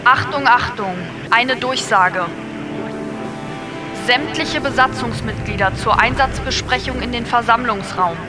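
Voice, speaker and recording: A woman playing a formal shipboard announcer, heard over a spaceship intercom loudspeaker calling the crew. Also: a little high, measured pace, loud music behind the voice. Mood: urgent, formal. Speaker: ship announcer.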